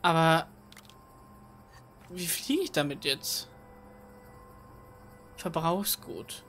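Lady doing a lets play, lowish voice, chatty and self-mocking, faint game music behind. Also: sing-song, drawn-out words, fairly bright tone. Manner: chatty, self-mocking, thinks aloud with many fillers. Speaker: let's play host. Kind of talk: casual gameplay commentary. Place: home room at night. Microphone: desk microphone.

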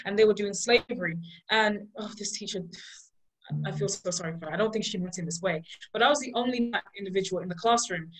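A young woman from Liberia and Ghana, arguing passionately in an online student debate with a fast flow of points and fillers. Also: medium pitch, low-quality recording. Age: young adult. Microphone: video call.

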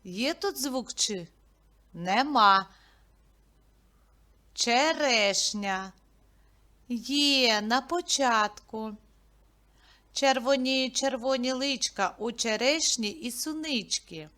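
A woman teaching a literacy lesson to small children, reciting riddles and slowly splitting words into syllables. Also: fairly high pitch, sharp tone. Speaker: preschool teacher.

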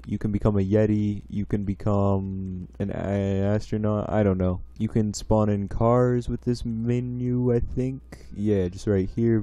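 A man's voice: lowish voice, warm tone, no echo. A man giving a casual walkthrough tutorial in a loose, offhand way, often hedging what he says. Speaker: gaming video host.

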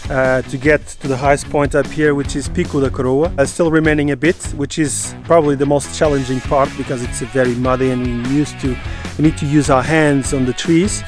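A man's voice: mid-range voice, fairly even intonation. Earnest mountain guide, man. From Madeira, Portugal. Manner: earnest, pauses and restarts while explaining, non-native phrasing. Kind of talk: casual outdoor explanation. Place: outdoors on a mountain trail. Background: guitar music.

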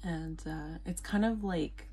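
A woman talking quietly in a casual late-night vlog, rambling with frequent fillers and laughter. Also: on the low side, slow. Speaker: vlogger.

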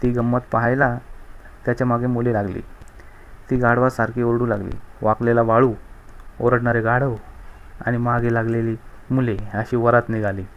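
Guy reading a kids' school story out loud, medium pitch, kinda muffled. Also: flat delivery. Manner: clear, measured storytelling. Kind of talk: reading a children's textbook story aloud.

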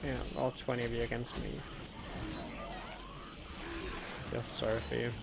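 A gaming video host chats casually with viewers while playing through a let's-play, dropping frequent ums. His mid-range voice has vocal fry and a level tone, and he speaks a little slowly. Noticeable background noise is present.

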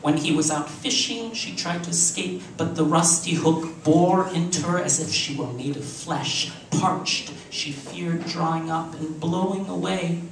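A man giving a live literary reading at a cafe show, in a measured, deliberate way with an occasional slip. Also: on the high side, slight background noise. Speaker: reader. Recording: echoey room, distant mic, faint ambience.

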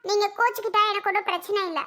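A performer with a very high, bright voice plays a sulky, defiant young daughter-in-law in a family comedy skit, complaining indignantly. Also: steady tone, very fast.

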